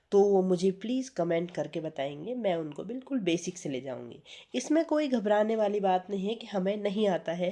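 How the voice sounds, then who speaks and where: A woman's voice: mid-range voice, mellow. Patient woman teaching math. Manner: patient, repeats 'theek hai' and asks questions. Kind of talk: classroom math lesson.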